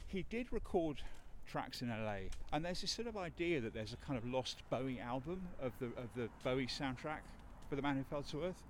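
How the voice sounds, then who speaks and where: A man walks a busy city street and keeps up an enthusiastic, rambling guide's patter, full of ums and restarts. His pitch sits in an ordinary middle range. Loud traffic and building noise run under everything he says. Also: expressive, brisk, hardly any pauses. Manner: rambling, enthusiastic, with many fillers. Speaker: podcast host and tour guide. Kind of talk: chatty walking-tour talk.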